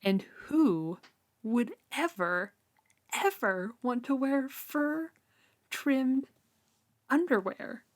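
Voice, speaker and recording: A woman co-host of a book read-along show chats casually while recapping a fantasy novel, retelling the plot in an informal, wryly incredulous way. Her voice is high and expressive, with drawn-out words and frequent pauses.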